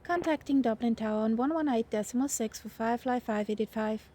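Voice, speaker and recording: A woman's voice: fairly high pitch, brisk, dark tone, slight background noise. A woman speaking as a pilot, giving radio readbacks with casual asides. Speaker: flight simulator pilot and streamer.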